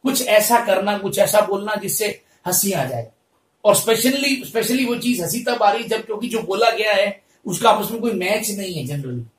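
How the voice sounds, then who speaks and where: A man's voice: high-pitched, animated, normal speed. A man teaching vocabulary for exams, explaining words through chatty comic stories and checking in with his students as he goes. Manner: chatty storytelling with comic examples, frequent "theek hai na". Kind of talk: exam-prep lesson explaining word meanings. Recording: echoey room, mic set far away.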